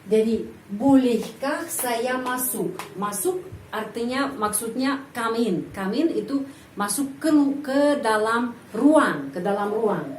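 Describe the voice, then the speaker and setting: Slow, patient woman teaching a language. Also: on the high side, expressive, slight background noise. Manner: patient, repeats example phrases slowly. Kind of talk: slow explanatory lesson. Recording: echoey room, voice from off-mic.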